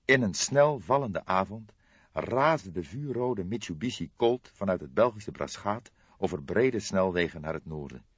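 A low, husky male voice narrates a crime novel as an audiobook, delivering the scripted story in a storytelling manner. The recording sounds dull and roomy.

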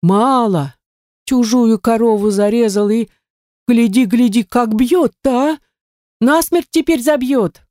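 A female narrator voicing a spiteful old nanny in a storybook, shrill and gloating. Her voice sits higher than the reader's own and stays slow. The recording is close and dry. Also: darkish tone, no echo.

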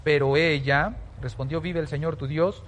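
A man leads a Bible teaching in a fairly high voice. He explains things patiently, stopping often with fillers and starting over mid-sentence. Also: steady tone, moderate pace, fairly bright tone. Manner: explanatory, many fillers and restarts.

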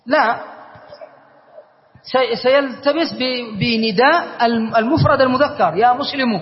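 A man's voice: very high voice, a little slow. A man teaching a classroom grammar lesson, quizzing his students and spelling out word forms. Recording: dull long-reverb lecture hall recording.

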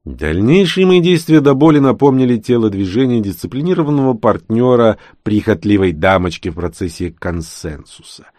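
A man reading a thriller audiobook aloud with ironic, lively storytelling. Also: lowish voice, moderate pace, hardly any pauses, no echo. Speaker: audiobook narrator. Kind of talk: scripted narration.

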